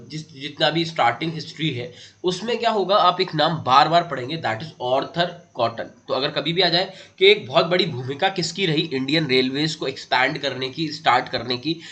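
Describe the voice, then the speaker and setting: A man's voice: a little high, fairly bright tone. A man teaching an online exam-prep lesson, who calls his students beta, repeats key facts and keeps checking in with "theek hai".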